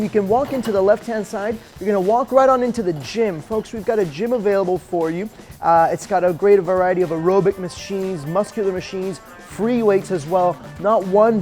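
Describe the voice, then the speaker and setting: A man's voice: high-pitched, a little fast, a little mellow, faint music behind. A man presenting a chatty promotional ship tour as an upbeat, joking cruise director with playful emphasis.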